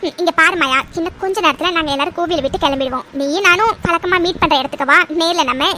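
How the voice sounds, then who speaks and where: A sly, scheming aunt from a cartoon, put on by a woman in a very high, squeaky voice, giggling as she plots. A steady hiss sits under the recording. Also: fast. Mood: secretive. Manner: gleeful, giggling, high-pitched. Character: scheming middle-aged aunt plotting against a wedding.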